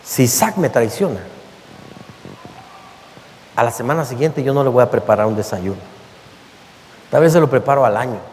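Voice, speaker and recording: A man with a Mexican Spanish accent preaching a sermon as pastor, emphatic and earnest, calling his listeners beloved and slowing down to give his words weight. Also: medium pitch, lively intonation, a little mellow, a little hiss or hum. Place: church sanctuary. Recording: long church-hall reverb.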